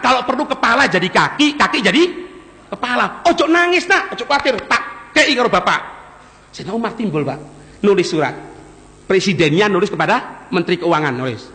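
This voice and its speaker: A man with a Javanese accent giving a sermon as a lively storyteller who mixes in local words, recorded in a prayer hall. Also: high-pitched. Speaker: preacher.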